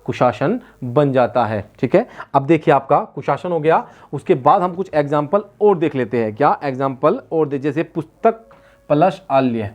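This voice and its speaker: A man teaching Hindi grammar in an exam-prep lecture. He keeps asking rhetorical questions and answering them himself, and he repeats key words slowly. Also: fairly high pitch, lively intonation, darkish tone.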